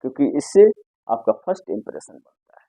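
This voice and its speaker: A man's voice: mid-range voice, sing-song, brisk, vocal fry, warm tone, dry recording, rough recording. A man teaching an English pronunciation lesson in Hindi, asking questions and answering them himself, repeating key points. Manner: stretches out single words, often ends with "ठीक है ना?".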